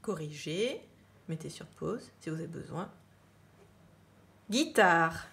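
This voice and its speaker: A woman's voice: deep voice, expressive, a little mellow. A woman teacher giving a dictation lesson to children, repeating each word with emphasis and spelling it out letter by letter. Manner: slow, clear dictation, spelling words letter by letter. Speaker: primary school teacher.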